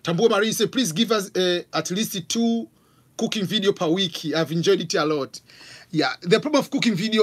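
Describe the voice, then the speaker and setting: A man from Tanzania in his forties, with a Tanzanian accent and a high, breathy-edged voice, runs a live Q&A stream from home. He reads out viewers' questions, animated and gesturing plenty, using a studio mic on a stand fitted with a pop filter in his home office.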